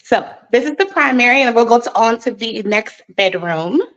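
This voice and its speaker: A woman real estate agent gives a walking tour of a house, chatty, a little nervous, laughing often and slightly out of breath. Her voice is fairly high, fairly bright and animated at a moderate pace, though the audio sounds dull.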